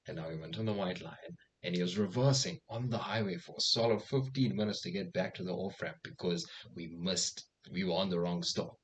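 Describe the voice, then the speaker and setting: A young man telling a casual anecdote, animated, acting out the voices of the people in it and swearing freely. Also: deep voice, a little hiss or hum. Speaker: storyteller.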